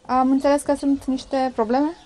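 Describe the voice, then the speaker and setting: Woman counselor, friendly questioning, fairly high voice, faint noise behind. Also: flat delivery, dark tone. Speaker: emergency counselor. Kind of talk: interviewing a family.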